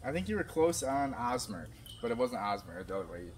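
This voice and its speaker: A man's voice: mid-range voice, big pitch swings, brisk, a little hiss or hum. A man hosting a casual challenge video, teasing his friend and coaching him with hints. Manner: teasing, coaxing, gives hints. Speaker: video host running a challenge. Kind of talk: casual chat.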